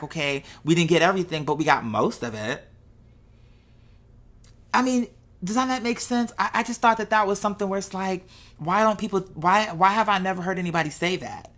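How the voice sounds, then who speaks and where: A woman with a lowish, slightly bright voice talks to her audience as a vlogger. It's a casual, unscripted monologue in which she rambles conversationally, thinks out loud, and checks in with viewers through rhetorical questions.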